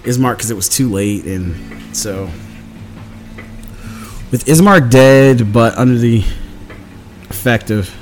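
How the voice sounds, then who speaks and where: A man's voice: mid-range voice, slow, long pauses, faint music behind. A man casually recapping a tabletop game session as one of its players, meandering through the story and acting out quotes.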